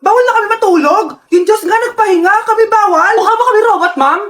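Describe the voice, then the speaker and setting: A woman playing a cheeky female student who talks back quickly to her teacher. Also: extremely high pitch, a bit bright. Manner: fast, cheeky talking back.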